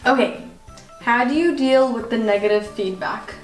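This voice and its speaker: A woman's voice: a little high, moderate pace. Chatty woman host, echoey and distant. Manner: informal, chatty interjections. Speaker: host interviewing her sister. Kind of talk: casual vlog interview. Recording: echoey, distant mic, background music.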